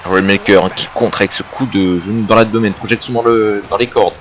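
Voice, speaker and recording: A man's voice: fairly low pitch, steady tone, a little fast. A man working as a wrestling co-commentator, naming the moves in short interjections. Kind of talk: wrestling commentary of a video game match.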